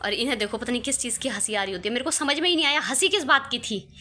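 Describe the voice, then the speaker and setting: A woman's voice: fairly high pitch, rapid-fire, bright, forceful tone. A young woman chatting casually as she shows her wedding photos, laughing often and near tears at times. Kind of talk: casual chat.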